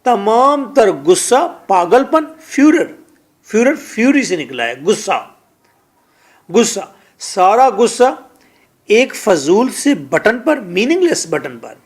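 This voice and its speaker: A man speaking with a Pakistani accent gives an English lesson, reading every line slowly before translating and explaining it, and he repeats words often. His voice is high with wide swings in pitch.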